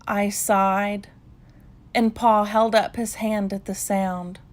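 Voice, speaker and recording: A woman reading a children's story aloud in a calm, measured bedtime style with pauses. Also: mid-range voice.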